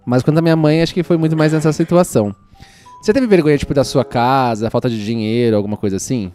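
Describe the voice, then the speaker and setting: A Brazilian man chats casually and tells lively, animated anecdotes. He talks very quickly at a medium pitch. Soft music plays faintly in the background. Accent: Brazilian Portuguese. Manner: animated storyteller, calls his listener "menina". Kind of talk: casual chat.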